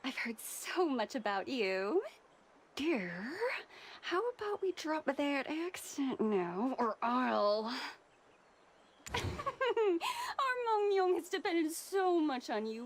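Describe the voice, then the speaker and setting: Slow, very high, tearful noblewoman wife; game cutscene, theatrical scolding. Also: very animated, a little hiss or hum, heavily acted. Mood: fussy. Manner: dramatic, scolding, tearful outbursts. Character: fretful young noblewoman wife, nagging and weepy. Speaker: game character.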